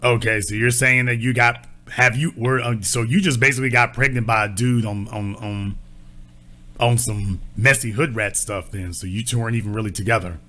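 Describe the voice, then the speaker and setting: Bluntly and crudely, a call-in advice host scolds a caller about their relationship. He speaks at a normal speed in a steady, mid-range voice that sounds pushed and bright.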